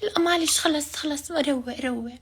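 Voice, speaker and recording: A man's voice: very high voice, a little fast, fairly bright tone. A man doing a woman's voice as a coy, coaxing young woman on a prank call, with a Levantine Arabic accent. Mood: soothing.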